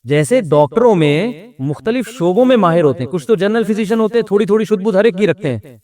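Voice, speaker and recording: A man's voice: sits high, lively intonation, a little mellow, no room sound. A man with a Pakistani Urdu accent giving a casual sermon as an Islamic scholar, telling jokes and anecdotes and acting out the dialogue. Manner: humorous storytelling, acts out dialogue in other voices.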